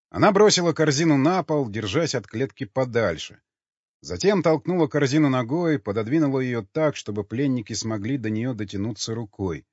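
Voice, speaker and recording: A man reading an audiobook in a steady, measured narration. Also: medium pitch, dry recording. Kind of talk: scripted narration. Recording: dull lo-fi audio with faint music.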